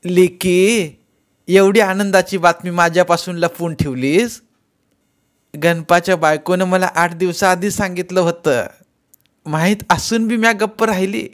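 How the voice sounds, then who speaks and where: A man voicing an old village mother-in-law with a rural Marathi accent, scolding and doting in a high, loud voice.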